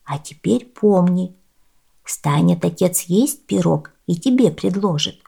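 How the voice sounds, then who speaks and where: A woman voicing a kind, hunched, gray-haired old grandmother who speaks low, slow and soft. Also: lively intonation, creaky, breathy edge, exaggerated voice. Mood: gentle.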